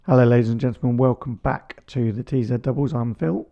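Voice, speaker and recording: A man's voice: mid-range voice, fairly quick, gravelly, dark tone, muffled recording. A man in his thirties co-hosting a casual chat podcast with his wife, joking and teasing as he talks. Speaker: podcast co-host.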